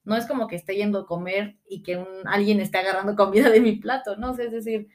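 A woman chats casually as a podcast co-host. She rambles through a story and acts out what others said. Her voice sits in an ordinary middle pitch for a woman. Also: steady tone, fast.

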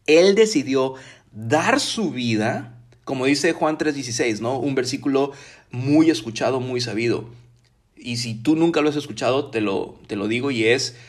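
A man preaching a casual sermon from his home, talking in a conversational, emphatic way and slowing down to stress key words. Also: mid-range voice, animated. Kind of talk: casual live-streamed sermon.

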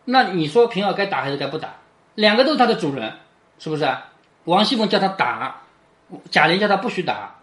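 A teacher explaining a chapter of a classic novel in a conversational way, often asking the listener "right?" and dropping to a quiet tag at the ends of sentences. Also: mid-range voice, big pitch swings, brisk.

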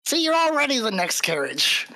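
Taunting goblin bandit on a wolf, pitched up high, slow menacing drawl, bright edge, dry close sound, a woman doing the voice. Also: very animated, no echo, exaggerated voice, rough recording. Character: cocky male goblin bandit riding a wolf.

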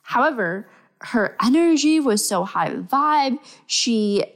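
Her voice sits fairly high and moves slowly, with a lively lilt. The young woman is congested and sick while casually hosting her solo podcast, staying upbeat and using plenty of fillers.

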